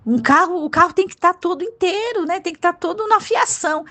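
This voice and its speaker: A woman's voice: very high voice, a little fast, sharp tone. A woman bishop with a Brazilian Portuguese accent, preaching a fervent, emotional sermon full of exclamations.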